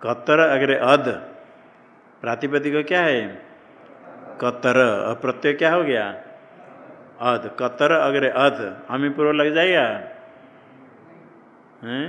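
Slow, deliberate man teaching in a hall. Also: medium pitch, fairly bright tone. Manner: questioning students, drilling recitation; corrects and scolds students. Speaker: Sanskrit grammar teacher. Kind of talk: classroom grammar lesson. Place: ashram classroom. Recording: long hall reverb, faint noise.

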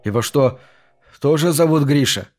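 A man's voice: on the high side, normal speed, natural voice. A man voicing a nervous thirty-year-old man questioning a friend.

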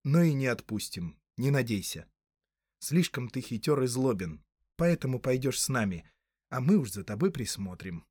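Stern, measured young hero read by a male narrator, mid pitch, dry sound. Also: big pitch swings, darkish tone, husky, dry recording.

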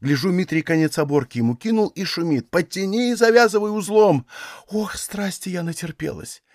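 A man reading aloud, voicing a frightened village woman who tells a grim story in a hushed, rushing way. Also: fairly high pitch, lively intonation, no echo, clean studio sound. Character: frightened old village woman, breathless gossip.

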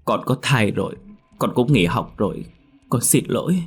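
A man's voice: medium pitch, animated, moderate pace, husky, faint music behind, voice pushed up. A man voicing a frightened young village woman who is crying and stammering. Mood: ashamed. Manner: sobbing, stammering.

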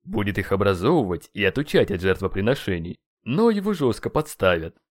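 A man voicing a patronizing dark male spirit rider in an audiobook, with a mentor-like tone. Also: lowish voice, big pitch swings, fairly quick, dry recording, clean studio sound. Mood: explaining.

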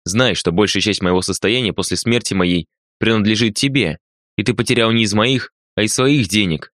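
A man voicing an elderly count who speaks in a measured, persuasive way. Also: fairly low pitch, fairly bright tone, dry recording, studio quality, natural voice. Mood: earnest. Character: elderly count, anxious and gentle old man.

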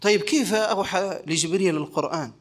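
A man's voice: high voice, fast. A man teaching a religious creed lesson as a sheikh, asking his listeners rhetorical questions and answering them himself. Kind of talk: religious lecture.

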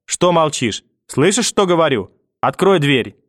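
A man playing a shrill cursing old grandmother. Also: sing-song, unhurried, no room sound, studio quality. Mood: threatening. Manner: venomous, screaming curses. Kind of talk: audiobook character voice.

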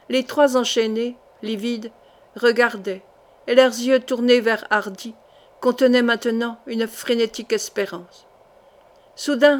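Woman reading an adventure novel aloud. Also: on the high side. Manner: measured, expressive literary reading. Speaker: audiobook reader. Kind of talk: audiobook narration of an adventure novel.

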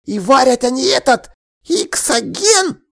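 A man doing a gravelly, nosy old neighbor lady. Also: extremely high pitch, big pitch swings, bright, forceful tone, a little hiss or hum, pitched above the performer's own voice, exaggerated voice. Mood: whispering gossip. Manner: conspiratorial, scolding, drawn-out exclamations. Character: nosy fussy elderly woman neighbor, gossiping. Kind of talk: audiobook character voice.

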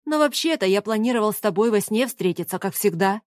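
A woman's voice: mid-range voice, animated, a little fast, a little mellow, no room sound, close to an everyday voice. Puzzled plain young guy from a storybook, woman reader doing him, mid voice, dry.

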